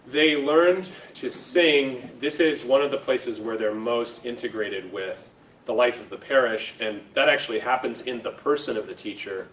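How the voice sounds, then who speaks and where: This American presenter has a mid-range, slightly bright voice and speaks at a normal pace. He delivers an informal lesson to an audience in a school room, keeping it conversational and asking "right?" and "okay?" along the way. The audio is captured from a distance, with a roomy echo and faint background noise.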